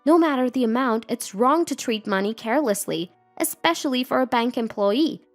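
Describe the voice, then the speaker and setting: Woman narrator for a first-person story; steady, measured read over soft music. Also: a little high.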